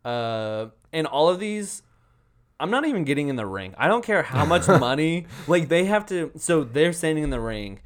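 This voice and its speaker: A man's voice: a little high, moderate pace. A man in casual chat with a friend, telling exaggerated stories and acting out the scenes. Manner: animated storyteller who acts out silly scenes.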